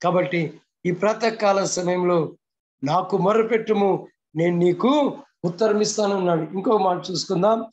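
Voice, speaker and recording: A man with a high-pitched voice delivers a morning devotional sermon, pressing his points through repetition and rhetorical questions. His voice comes through the muffled, lo-fi sound of a video call. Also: unhurried. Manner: fervent preaching with repeated phrases and rhetorical questions. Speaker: pastor.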